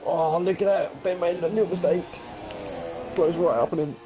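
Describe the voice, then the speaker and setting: A man commentating live on a sim race, his pitch a little high and leaping up in excitement at every mistake or pass. The sound is dull and lo-fi. Racing game engines drone loudly behind him. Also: normal speed. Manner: excitable, voice jumps up at incidents. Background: racing game engine noise.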